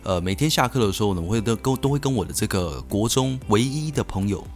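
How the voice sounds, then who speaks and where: A man's voice: lowish voice, fast, soft background music. Young man telling stories on a podcast. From Taiwan. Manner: animated, frequent restarts and self-answered asides. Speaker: podcast host. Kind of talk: storytelling podcast monologue.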